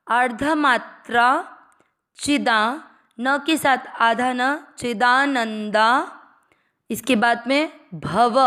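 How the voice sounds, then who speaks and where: A woman teaching Sanskrit pronunciation, patiently spelling out each syllable and then chanting the verse slowly. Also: fairly high pitch, a bit bright. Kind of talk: slow syllable-by-syllable pronunciation lesson.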